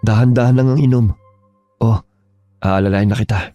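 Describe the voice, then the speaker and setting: A man voicing a gentle, protective young husband in a horror radio drama. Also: on the low side, steady tone, moderate pace, no room sound, muffled recording, faint music behind, natural voice. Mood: caring. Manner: gentle, reassuring.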